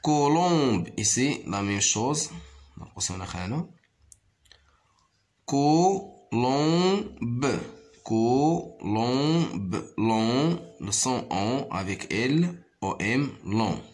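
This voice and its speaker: A man teaching a primary school French lesson, repeating each word slowly, counting syllables and explaining in Arabic. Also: fairly low pitch, lively intonation. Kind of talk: slow classroom reading lesson.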